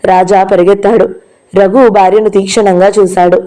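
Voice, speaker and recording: Mellow-voiced woman reading a novel. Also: medium pitch, flat delivery, normal speed, poor audio. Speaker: audiobook narrator. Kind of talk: reading a novel aloud, voicing all characters.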